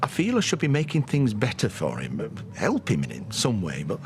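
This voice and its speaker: A troubled older man with a deep voice and northern English accent. He speaks plainly and haltingly, pitch moving noticeably, in soap drama. There is faint background noise. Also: wildly swooping pitch. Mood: anguished. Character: downcast older grandfather, troubled and plain-spoken. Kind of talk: TV soap dialogue.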